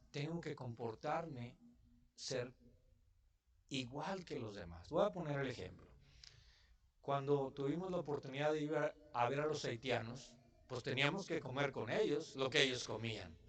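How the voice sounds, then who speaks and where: A man from Mexico preaches in church with a voice on the high side, talking to the congregation as if in conversation. He keeps stopping to ask them questions. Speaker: pastor. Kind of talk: sermon.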